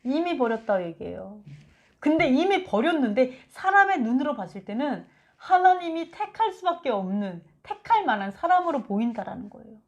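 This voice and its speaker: A woman giving a conversational Bible teaching, lively and acting out quotes from scripture. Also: high voice, moderate pace. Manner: animated, acts out biblical quotes.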